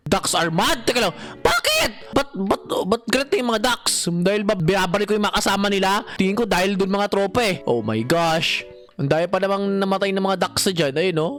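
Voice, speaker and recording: A young man giving excited gameplay commentary, talking to viewers and his in-game pet with frequent shouts. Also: high voice. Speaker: gaming channel host.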